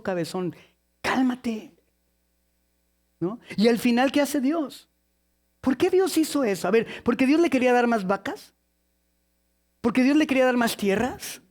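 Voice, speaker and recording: A man delivers a sermon in a very high voice. He tells the story with humor and slips into different voices for its characters, then turns earnest as he draws out the lesson. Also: unhurried, pauses often. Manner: lively storytelling with jokes, acting out the people in the story. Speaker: preacher.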